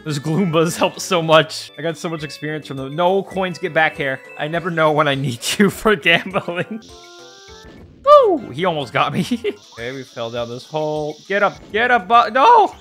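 A woman giving casual, playful let's-play commentary, giggling and swinging between high squeals and low mutters. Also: normal speed, a bit bright, soft background music. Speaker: gamer.

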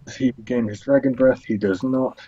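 A man narrating as game master in a relaxed way, thinking aloud with fillers. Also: mid-range voice, fairly quick, breathy edge. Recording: dull lo-fi recording.

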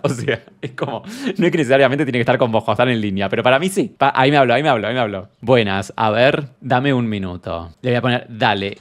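A man's voice: medium pitch, lightly acted. A man with an Argentine accent playing a fussy, dramatic young woman on a stream, ranting in exasperation and acting out both sides of her chats. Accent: Argentine Spanish. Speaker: streamer in character. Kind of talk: comic character monologue on stream.

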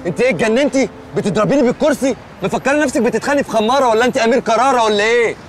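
A man's voice: extremely high pitch, rapid-fire, a little hiss or hum. An actor playing a hot-headed, loutish male entertainer with an Egyptian accent, blustering and threatening in a comedy series. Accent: Egyptian Arabic.

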